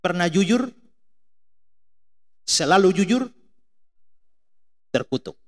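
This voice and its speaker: A man's voice: high-pitched, slow pace. A middle-aged man from Indonesia preaching a sermon, telling stories and firing questions at the congregation. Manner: animated storytelling, mimics voices, asks congregation questions. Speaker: pastor.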